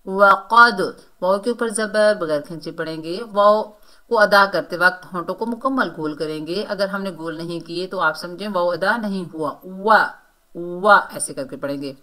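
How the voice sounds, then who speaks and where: A woman teaching Quran recitation rules, explaining each sound and then reciting words slowly. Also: lowish voice, fairly bright tone. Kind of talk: tajweed lesson, explaining and reciting.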